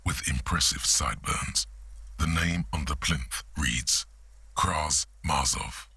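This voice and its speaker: A man's voice: a bass voice, slow, vocal fry, sharp tone, husky, no room sound, exaggerated voice. A man narrating a video game in a solemn, descriptive, scripted style. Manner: solemn, descriptive, evenly paced. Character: grave, detached male game narrator.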